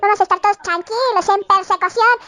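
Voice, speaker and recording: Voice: extremely high pitch, steady tone, fast, bright, forceful tone. A performer voicing a tiny, ranting dwarf with a Bolivian accent in a comic monologue. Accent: Bolivian Spanish. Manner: ranting, exclamatory, sings snatches of songs.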